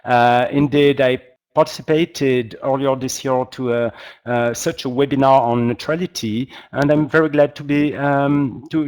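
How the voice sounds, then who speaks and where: A humanitarian practitioner with a strong French accent presents as a guest expert in a webinar. His mid-range voice has a darkish tone, and he's polite and hesitant, often searching for words.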